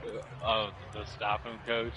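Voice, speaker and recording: A young man playing a football video game, chatting excitedly and nervously. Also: lowish voice, unhurried, rough recording. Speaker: gamer. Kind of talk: casual gaming banter.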